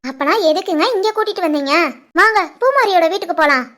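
A woman voicing a shrill, teasing cartoon wife. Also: expressive, fast talker, fairly bright tone. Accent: Kanyakumari-Tirunelveli Tamil. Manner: teasing, needling. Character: teasing young wife, sharp-tongued.

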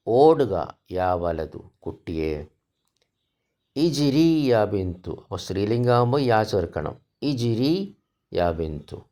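A man teaches an Arabic grammar lesson in a deep, low voice with a gravelly edge. He speaks slowly, reading each Arabic phrase and then explaining it in his own language. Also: a little mellow. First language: Malayalam.

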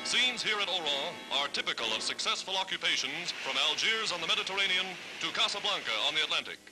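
A man's old newsreel narration, delivered in a rousing, dramatic newsreel manner. His voice sits high. Loud music plays under it throughout. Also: expressive, quick pace, rough recording. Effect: old newsreel sound.

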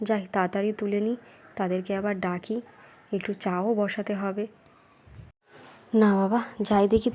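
A woman's voice: medium pitch, warm tone. A woman voicing a busy young housewife in a doll-play drama, nagging and scolding the household.

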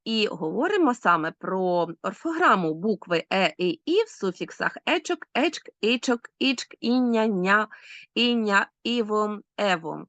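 Woman teacher, lively rising and falling pitch, dry close sound, careful deliberate pronunciation, recorded school lesson. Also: no echo. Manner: clear, deliberate enunciation, slowing to spell out sounds.

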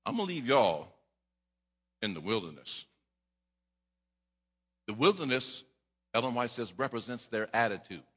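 Middle-aged male pastor, husky and sharp voice, dramatic sermon delivery, long church-hall reverb. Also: medium pitch, very animated, unhurried, pauses often. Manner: dramatic preaching, acting out voices, stammering repeats, rising to shouts. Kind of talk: preaching a sermon. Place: church sanctuary at a lectern.

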